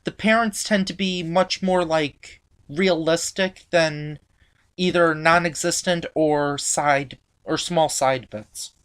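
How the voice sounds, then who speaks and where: A woman with a slightly low voice hosts a casual review chat about a TV episode. She recaps the plot in halting bits, often restarting her sentences. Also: clean tone. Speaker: podcast host.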